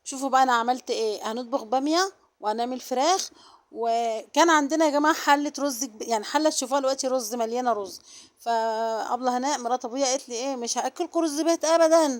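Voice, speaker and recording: A woman with an Egyptian Arabic accent and a soft, low-volume voice, chatting directly to viewers in a casual vlog. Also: quick pace. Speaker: vlogger.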